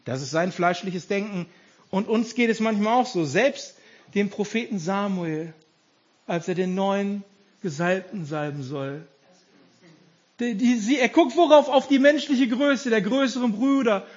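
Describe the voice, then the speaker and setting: A man preaching an animated, emphatic sermon as pastor, speaking directly to his congregation. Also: sits high, measured pace, highs cut off.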